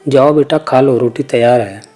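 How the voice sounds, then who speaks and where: A man's voice: medium pitch, moderate pace, mellow, faint music behind, natural voice. A man voicing a curt, weary village aunt.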